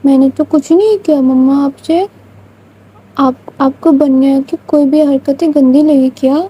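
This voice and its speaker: Woman doing a slow, pleading little girl. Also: high-pitched, fairly even intonation, dark tone, lightly acted, rough recording.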